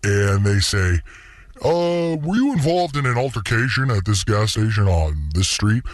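A man's voice: on the low side, sing-song, a little slow, no echo, studio quality. A man telling a story on a radio show as an anonymous guest, his voice altered with a voice changer. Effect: voice changer disguise.

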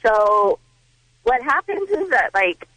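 A woman's voice: fairly high pitch, sing-song, slow pace, crowd noise. A woman calling in to a radio show over a phone line, chatting casually in a self-mocking, chatty way. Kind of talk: casual call-in chat.

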